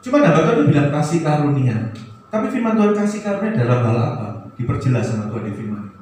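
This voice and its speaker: A man's voice: a little high, big pitch swings, fast, darkish tone. A male pastor telling a testimony, full of fillers and restarts. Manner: storytelling with many fillers and restarts. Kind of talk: sermon testimony. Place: church hall. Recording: echoey room, voice from far off with faint noise.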